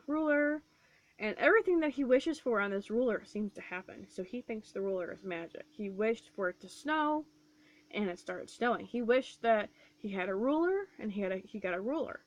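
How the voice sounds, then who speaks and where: A woman's voice: fairly high pitch, dry recording. A woman casually reviewing books on her vlog at home, chatty and rambling with lots of fillers and restarts. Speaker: book vlogger. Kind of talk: casual book review chat.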